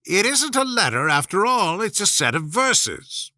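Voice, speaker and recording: Man as nervous storybook rabbit, respectful, fussy, raised sharp voice, animated pitch, courtly herald. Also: unhurried, no echo, studio quality, heavily acted. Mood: eager.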